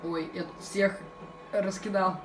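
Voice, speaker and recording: A woman's voice: mid-range voice, fairly even intonation, slow pace, noisy background. A woman giving casual commentary over a game as its host, amused and urging the action along. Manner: amused, repeats urgings and echoes game lines. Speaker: gameplay video host. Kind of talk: casual let's play commentary. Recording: echoey, distant mic with game music behind.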